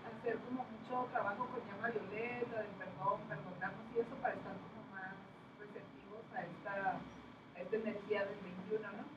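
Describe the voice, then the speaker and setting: A woman's voice: mid-range voice, steady tone, a little fast. A woman student speaking up in class with a tentative suggestion. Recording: far off in echoey room, dull, hissy.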